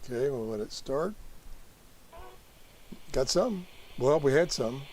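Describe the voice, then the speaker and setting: Slow, mellow man thinking aloud. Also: mid-range voice, animated, a little hiss or hum, poor audio. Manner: halting, thinking aloud while operating the app. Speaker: host demonstrating a radio app. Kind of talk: casual live tutorial.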